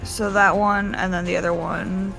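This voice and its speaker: A tabletop game player with a hoarse, worn-out voice, talking casually and hesitantly. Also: medium pitch, little pitch movement, moderate pace, music in the background, poor audio. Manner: hesitant, unsure, asking how things work.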